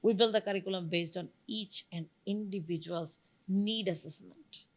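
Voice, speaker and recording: This woman from Bangladesh speaks at a moderate pace with a voice on the low side. She is a venture studio founder giving emphatic, enthusiastic interview answers as a guest, listing examples along the way.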